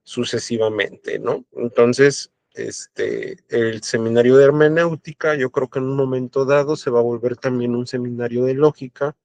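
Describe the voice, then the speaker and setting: A man's voice: mid-range voice, fairly even intonation, moderate pace, vocal fry, hardly any pauses, darkish tone, dry recording. A man teaching a Bible study class in a conversational lecture style, often adding fillers and asking "right?". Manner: conversational teaching, frequent fillers and tag questions.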